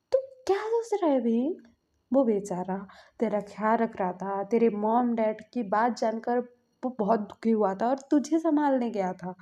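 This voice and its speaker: A woman's voice: on the high side, warm tone. A woman reading a stern old grandfather. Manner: scolding, pleading.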